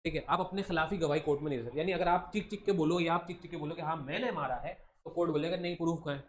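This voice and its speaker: A man's voice: on the high side, slight background noise. A man with an Indian accent teaching law students in a classroom, joking a lot and calling them beta. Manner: joking, animated, addresses students as beta, many tag questions like thik hai. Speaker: law entrance coaching teacher. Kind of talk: classroom lecture in Hindi mixed with English legal terms.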